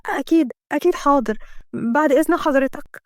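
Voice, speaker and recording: A woman's voice: high-pitched, fairly quick, dry recording, studio quality, close to an everyday voice. A woman voicing a worried, protective office friend with an Egyptian Arabic accent, soothing in tone.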